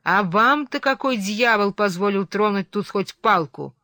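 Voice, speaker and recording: A furious, harsh master of the house , as the reader of a storybook puts him on, shouting threats, loud and raised well above the reader's usual tone. The recording is dry and close, with no room sound. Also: mid-range voice, a little slow, no echo.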